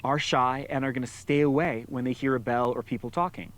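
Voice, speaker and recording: A man's voice: mid-range voice, fairly quick. A man with a mid-range voice explains outdoor safety in an easygoing, explanatory tone. He drops in little acted-out lines to make his points. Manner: relaxed, explanatory, acts out little quoted lines. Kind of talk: informative explanation.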